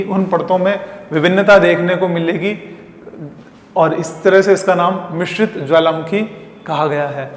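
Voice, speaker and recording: Guy teaching geography, asks himself questions then answers, echoey room. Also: sits high. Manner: explains step by step, asks and answers his own questions; draws diagrams while talking. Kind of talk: classroom lecture.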